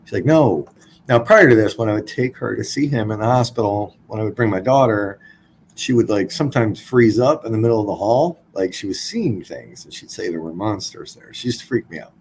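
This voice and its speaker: Low-voiced blunt man telling a story. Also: fairly quick, slight background noise, low-quality recording. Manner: blunt, swears freely, many fillers. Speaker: podcast guest. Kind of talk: casual storytelling.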